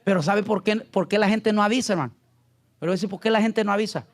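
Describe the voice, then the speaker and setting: A man's voice: high-pitched, quick pace. A male pastor leading a conversational Bible study, joking and constantly checking in with his listeners. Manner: joking, keeps asking the congregation "¿verdad?" and "¿aló?".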